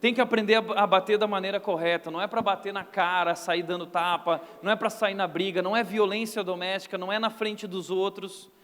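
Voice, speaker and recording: Man with a brazilian accent preaching, animated and funny, long church reverb. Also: high voice, brisk, hardly any pauses. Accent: Brazilian Portuguese. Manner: humorous, animated storytelling. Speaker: pastor. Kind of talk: sermon.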